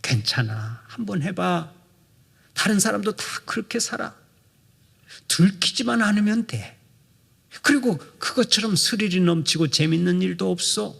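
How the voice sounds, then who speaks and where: A man voicing a sly male devil who tempts with soft, wheedling persuasion. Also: high voice, lively intonation, moderate pace, creaky, breathy edge, big-room sound, exaggerated voice.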